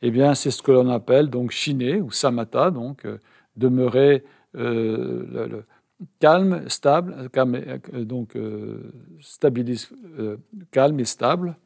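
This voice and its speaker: Man, live interpreter at a meditation teaching, hesitant, lots of fillers, gravelly mellow voice. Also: medium pitch, fairly even intonation, measured pace. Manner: hesitant, many fillers and self-corrections.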